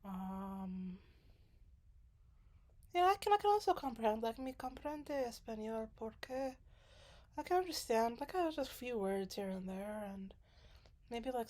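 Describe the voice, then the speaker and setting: In a casual chat, a graduate student from Sudan, a young woman, talks in a mid-range voice with a darkish tone, rambling along with frequent fillers and restarts.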